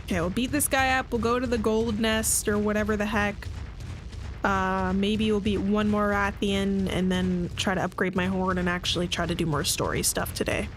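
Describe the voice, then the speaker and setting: A woman's voice: medium pitch, little pitch movement, normal speed. A young woman streaming a video game, chatting casually and jokingly with her chat. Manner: chatty, jokey, rambling asides to chat. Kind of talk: casual livestream chat while playing. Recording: game stream with loud music behind.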